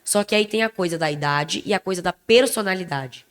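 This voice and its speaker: A young woman with a Brazilian Portuguese accent co-hosting a podcast in casual chat, emphatic and expressive, a little under the weather. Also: fairly low pitch, brisk. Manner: expressive, emphatic, self-described loud voice. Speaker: podcast co-host.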